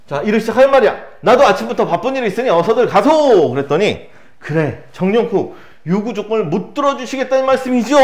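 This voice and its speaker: A man teaching a literature exam lesson, asking the class rhetorical questions and acting out quoted lines. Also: sits high. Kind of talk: exam prep lecture.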